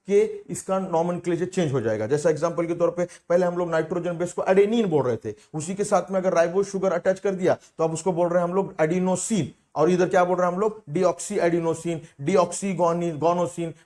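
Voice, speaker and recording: A male biology teacher, his voice sitting a little higher than most men's. He lectures a class, asking questions and repeating each key term for the students to catch. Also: darkish tone.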